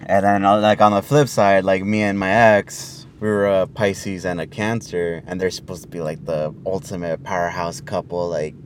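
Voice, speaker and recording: A man's voice: low voice, little pitch movement, normal speed, few pauses, a little hiss or hum. A young man co-hosting a podcast in casual chat, laid-back, swearing and filling with "like". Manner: laid-back, swears often, many fillers. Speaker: podcast co-host.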